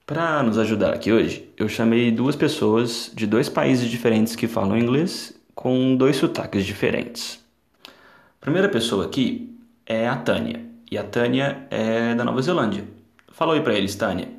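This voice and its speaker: A man's voice: mid-range voice, a little slow, vocal fry, echoey room. A man hosting a podcast lesson, explaining and talking directly to his learners. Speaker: podcast host and English teacher.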